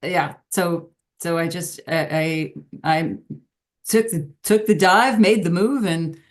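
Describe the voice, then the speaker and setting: Middle-aged woman, professor guest, lowish voice, rambling and laughing. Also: slow. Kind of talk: casual interview conversation.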